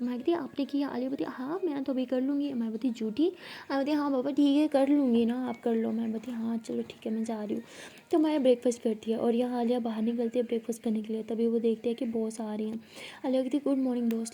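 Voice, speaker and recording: A woman's voice: a little high, vocal fry, mellow, breathy edge. A young woman casually telling a love story aloud, voicing the characters' dialogue herself with small shifts.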